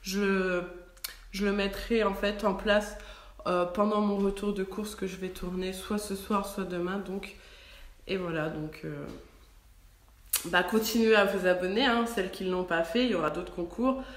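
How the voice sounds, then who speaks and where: A woman's voice: mid-range voice, fairly even intonation, normal speed, echoey room. A young woman, a mother, chatting casually in a home vlog and recording on her phone, with lots of fillers and restarts. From France. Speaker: family vlogger. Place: home kitchen. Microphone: handheld phone camera.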